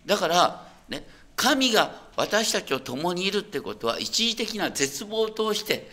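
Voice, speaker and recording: A man's voice: high-pitched, sing-song, measured pace, bright, forceful tone. A man preaching a sermon as a pastor. He talks in a conversational way, puts questions to the listeners and often checks that they are following.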